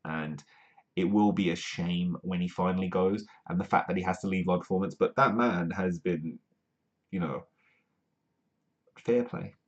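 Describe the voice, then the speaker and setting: A man's voice: deep voice, normal speed, long pauses. A man hosting a live comedy news stream from the UK, reading articles aloud with rambling asides and plenty of ums. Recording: dull lo-fi stream audio.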